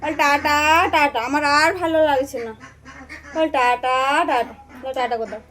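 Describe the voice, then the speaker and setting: A woman's voice: high voice, normal speed, fairly bright tone. A woman talking playfully to a baby in coaxing, sing-song baby talk.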